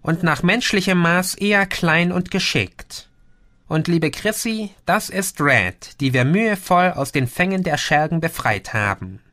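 A man voicing a cheerful, talkative male green insect alien with a lively, playful way of talking. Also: a little high, measured pace, voice pushed up. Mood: teasing.

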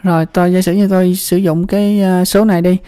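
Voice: mid-range voice, level tone, brisk, mellow, smooth, dry recording. An instructor with a Southern Vietnamese accent talks through a spreadsheet tutorial in a chatty way, repeating words and often checking in with the viewer. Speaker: computer skills instructor. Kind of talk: screen-recorded spreadsheet tutorial.

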